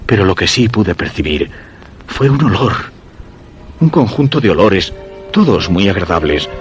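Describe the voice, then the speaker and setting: Over background music, a deep male voice with big pitch swings narrates and voices dialogue in a radio drama, with a Castilian Spanish accent. He plays a weak, ailing, fearful husband telling his suspense tale in a measured, literary, solemn way, the mood grave and uneasy.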